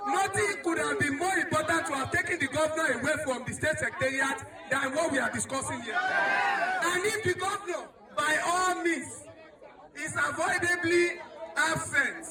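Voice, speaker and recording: A man's voice: extremely high pitch, very noisy. A Nigerian man giving a declamatory, emphatic protest speech outdoors to a crowd, repeating rallying phrases. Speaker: protest speaker. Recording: echoey crowd recording from far off.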